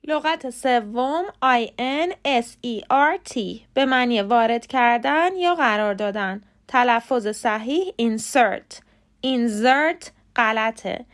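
A woman speaking Persian as a first language, hosting a short podcast lesson on English pronunciation, spelling words out slowly letter by letter. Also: on the high side, lively intonation. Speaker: podcast host and English tutor. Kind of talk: scripted lesson.

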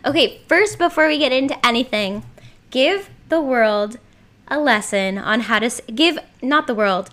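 A woman hosting a casual chat over a video call, bubbly and quick to giggle. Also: sits high, animated, fairly bright tone. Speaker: podcast host.

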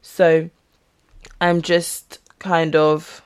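A woman's voice: low-pitched, level tone, very slow, clear, resonant tone. A young woman hosting a podcast, talking candidly in a rambling, casual monologue and acting out the voices she quotes. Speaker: podcast host.

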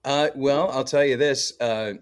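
This Canadian-raised guest musician has a mid-range, smooth voice with a steady tone and measured pace. He's easygoing in a casual interview chat, laughing often and filling his talk with fillers and restarts.

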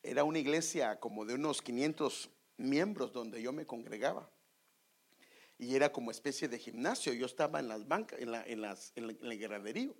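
A middle-aged Guatemalan preacher man tells a story from the pulpit, his voice husky with a gravelly edge. He speaks in a Guatemalan Spanish accent, swinging his pitch up and down in a lively way. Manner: animated storytelling, drops to whispers for inner thoughts. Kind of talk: sermon with personal story.

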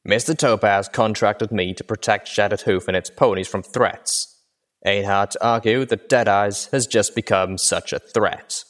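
A man's voice: on the low side, fairly even intonation, a little slow, close to an everyday voice. A man doing a blunt female griffin mercenary. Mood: firm. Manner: blunt, businesslike.

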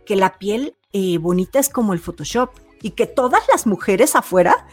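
A chatty woman host, talking at a middle pitch. She builds up long questions in a lively way. Faint music plays under her voice. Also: normal speed, breathy edge. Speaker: interview host. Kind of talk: casual interview talk.

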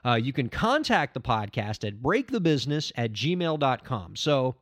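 A man in his thirties hosts a solo podcast, chatting casually and rambling with self-mocking humor. His medium-pitched, fairly bright voice is very animated at a normal pace, captured in a dry, studio-quality recording.

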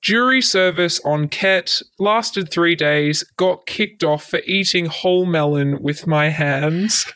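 A man with a bright, forceful tone reads out short anonymous confessions flatly, one line after another. The sound is dry and close. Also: a little high, slow, hardly any pauses, no echo. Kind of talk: reading out anonymous submissions.

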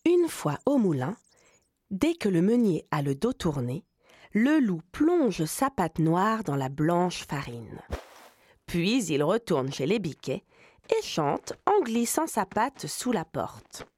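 Expressive woman reading a fairy tale. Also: slow, breathy edge, no echo. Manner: expressive, playing small voices high. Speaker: storyteller. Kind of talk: scripted children's story narration.

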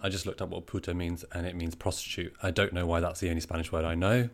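A man co-hosting a podcast, chatting casually in a calm, clear way. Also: deep voice, fast. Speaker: podcast co-host. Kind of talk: casual chat.

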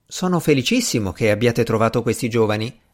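A man reading the part of a cautious older gentleman politician in an audiobook, calm and mildly scolding. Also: medium pitch, brisk, natural voice.

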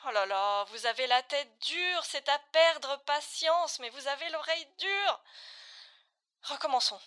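A woman's voice: sits high, expressive, a little slow, sharp tone, exaggerated voice. An actress playing an impatient woman who keeps repeating a question and grows exasperated, in a surreal comic dialogue. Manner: exasperated, sighing, increasingly irritated.

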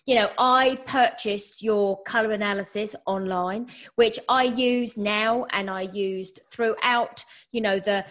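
A woman's voice: mid-range voice, steady tone, unhurried, hardly any pauses, a bit bright. A woman hosting a podcast interview, enthusiastic and upbeat, from the UK. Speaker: podcast host.

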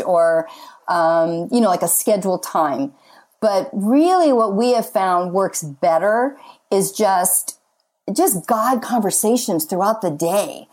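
A woman's voice: mid-range voice, a little mellow. A woman in her fifties, a guest talking earnestly and chattily about faith and marriage, with many casual fillers. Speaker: podcast guest.

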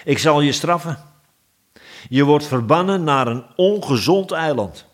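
A man's voice: on the high side, animated, measured pace, pitched above the performer's own voice. A man voicing a self-important male dwarf king in a storybook, speaking in a pompous, blustering way. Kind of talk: storybook reading.

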